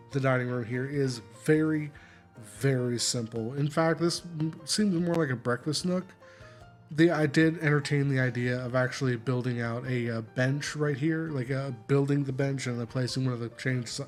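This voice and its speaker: A tired man hosting a gameplay video, giving a relaxed, rambling walkthrough and often correcting himself. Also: medium pitch. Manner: rambling, self-correcting, apologetic.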